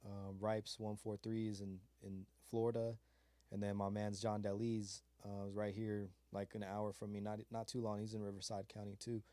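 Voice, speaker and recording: Being interviewed in a casual chat, a Mojave desert beat maker from California, an adult with a child, talks in a fairly low, monotone, dark voice at a moderate pace. The recording is dry, and he rambles easily, full of slang and fillers.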